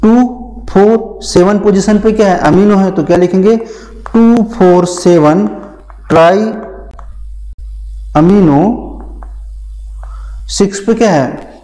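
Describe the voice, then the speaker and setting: A man teaches a pharmacy lesson in a mellow, darker voice pitched a touch above the usual. He works through the material step by step, repeats key terms and answers his own questions, calling the students "beta". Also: slow pace, pauses often, rough recording. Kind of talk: whiteboard lecture.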